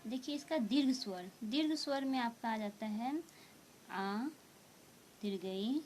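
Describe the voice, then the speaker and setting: Slow-spoken woman teaching grammar. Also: a little high, darkish tone, a little hiss or hum. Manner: slow, repetitive explaining with frequent "theek hai" check-ins. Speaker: Hindi teacher. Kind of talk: blackboard grammar lesson.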